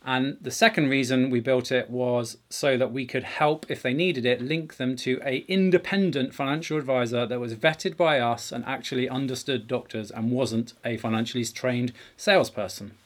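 Male podcast presenter, middle-aged, mid-range pitch, earnest and emphatic, recorded conversationally in a garage. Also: steady tone, normal speed, hardly any pauses. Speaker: podcast host. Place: home garage.

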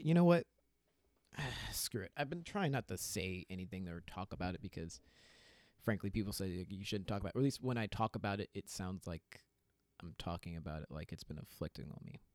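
Animated young man ranting on a podcast. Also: lowish voice, no room sound. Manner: animated, swings between loud laughing outbursts and quiet sincere asides. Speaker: podcast host. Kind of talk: solo podcast rant.

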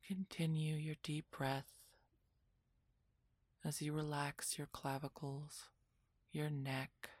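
A woman narrating a guided relaxation meditation in a soft, soothing, breathy voice that often drops into a whisper, like a spa session. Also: low-pitched, little pitch movement, takes it slowly, pauses often, dry recording.

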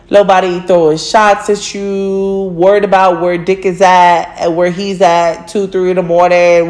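A woman's voice: fairly low pitch, a little mellow. A woman, giving blunt relationship advice in a casual monologue, swearing freely and laughing at herself.

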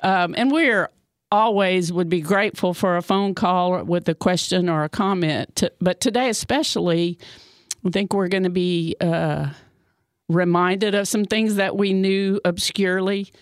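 Recorded on a studio mic with dry sound and no echo, a woman in her 60s speaks in a lowish voice at a measured pace. She hosts a casual radio talk show, bubbly and chatty, using many fillers.

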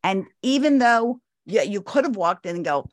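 A woman's voice: medium pitch, lively intonation, moderate pace, no room sound, studio quality. A woman in her sixties, a parenting expert guest, giving firm advice and stressing her points by repeating them. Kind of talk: advice interview.

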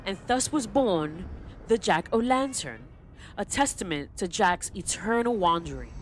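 A woman's voice: medium pitch, animated, unhurried, a little hiss or hum. A woman reading a spooky folktale aloud in a theatrical storybook style. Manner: theatrical, old-fashioned storybook diction. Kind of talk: dramatic storytelling.

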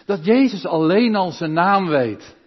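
A male pastor preaching a sermon, swinging between loud emphatic calls and hushed asides, often asking his listeners questions. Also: high-pitched, animated, measured pace. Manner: asks the congregation direct questions. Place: church. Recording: long church reverb, dull lo-fi sound.

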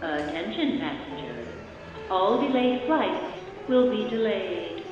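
A woman voicing a flat, official airport gate announcer, heard over an echoing loudspeaker. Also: medium pitch, slow, over music. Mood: deadpan official. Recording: echoey dull loudspeaker sound in a big hall.

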